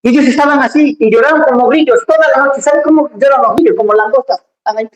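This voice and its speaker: A pastor preaching a lively, emphatic sermon, speaking straight to the congregation in a church. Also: sits high, fast talker. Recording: echoey church hall.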